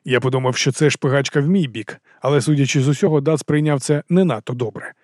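A man narrating a first-person audiobook in a brisk, matter-of-fact way. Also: medium pitch, a little mellow, no room sound, clean studio sound.

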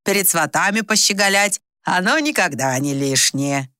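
A woman reading a story aloud, voicing a gruff, commanding old village father who blusters and booms at his family. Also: animated, normal speed, pushed and bright, no echo, clean studio sound. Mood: indulgent.

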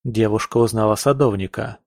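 A man narrating an audiobook in a calm, even reading voice. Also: on the low side, brisk, gravelly, no room sound, studio quality. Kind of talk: scripted narration.

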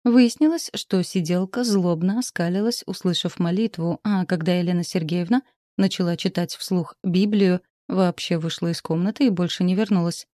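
Woman reading a story aloud, lowish mellow voice, dry close mic. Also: fairly even intonation, normal speed, dry recording. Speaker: narrator. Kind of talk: scripted story narration.

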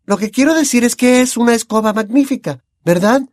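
A man voicing a bookish, worried teenage girl in an audiobook, with high, insistent questions. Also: fairly quick, no room sound, studio quality. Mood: uneasy.

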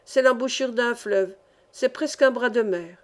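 A woman voicing a patient young man who calmly and slowly explains things to a girl in a read-aloud novel. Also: on the high side, lightly acted. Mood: gently explaining. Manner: calm, explaining gently. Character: gentle patient young male miner.

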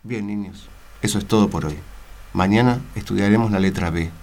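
A man reading a grim story aloud on the radio, going from hushed to loud. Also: on the low side, fairly quick. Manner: expressive, swings from hushed to loud. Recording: loud noise on radio recording.

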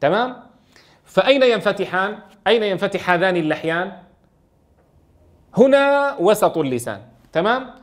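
A man teaching Quran recitation, reading a classical text slowly and explaining it with questions to his students. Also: high-pitched, animated. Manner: reads quoted verses slowly, then explains in dialect with rhetorical questions.

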